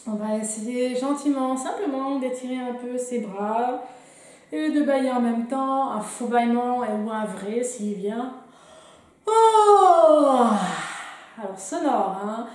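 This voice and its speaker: A woman with a high voice guides a drama warm-up at an unhurried pace, calm and gently encouraging. Her voice rings through a very echoey room, with faint music behind her. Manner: calm, gently encouraging, leading exercises aloud. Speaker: drama teacher.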